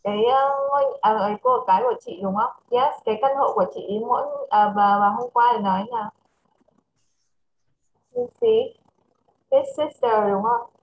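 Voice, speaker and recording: A woman with a Vietnamese accent teaching English to a child over a video call, switching between English and Vietnamese and reading English phrases slowly. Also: on the high side, expressive, a little hiss or hum, low-quality recording. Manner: mixes English and Vietnamese, slow careful English. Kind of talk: online English lesson for a child.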